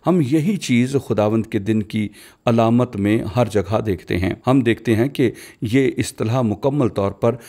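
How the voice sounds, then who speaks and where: A man with a mellow, warm voice at a middle pitch delivers a dubbed sermon voice-over. He explains each point in a measured, teaching manner, posing questions and answering them. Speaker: preacher voice-over.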